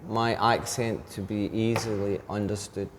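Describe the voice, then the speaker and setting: A Scottish man in his fifties, a teacher, chatting as an interview guest and speaking slowly and clearly on purpose. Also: lowish voice, level tone. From Scotland. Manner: deliberately slowed, clear speech. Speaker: head of an English department, guest. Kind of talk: casual interview chat. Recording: long reverb with faint background noise.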